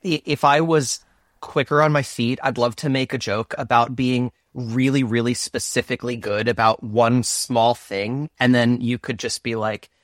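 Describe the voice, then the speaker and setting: Animated man with a dry-sounding voice. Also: mid-range voice, normal speed, dry recording. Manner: animated, self-deprecating, rambling. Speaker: guest. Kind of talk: casual interview chat.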